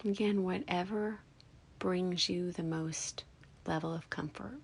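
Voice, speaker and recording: Over background music, a woman guides a meditation in a soft, soothing, fairly low voice with fairly even intonation. She uses short phrases and long pauses, letting her endings turn breathy and whispery.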